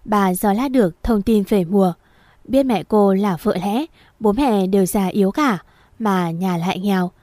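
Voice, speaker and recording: A woman reading a romance story aloud in a steady, expressive way. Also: medium pitch, moderate pace, dry recording. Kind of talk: audiobook story narration.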